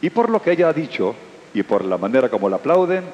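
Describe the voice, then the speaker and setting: Guy announcing at a pageant, pitch swings up and down a lot, long echo off the arena, dull old tv tape. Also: quick pace. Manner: lively, ceremonious announcer delivery. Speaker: pageant presenter. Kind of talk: formal stage announcement. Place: large indoor arena stage. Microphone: handheld microphone.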